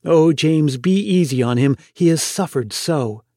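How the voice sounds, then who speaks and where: A man's voice: on the high side, animated, normal speed, no room sound, studio quality. Man reading as a tender, pleading mother. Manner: soft, pleading, emotional. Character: loving middle-aged mother, tender and pleading.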